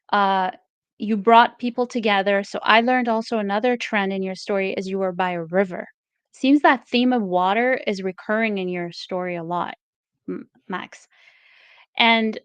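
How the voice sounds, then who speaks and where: A woman's voice: mid-range voice, clear, resonant tone, no room sound, rough recording. A woman from Canada hosting a live interview, speaking in an earnest, encouraging and reflective way. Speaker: host.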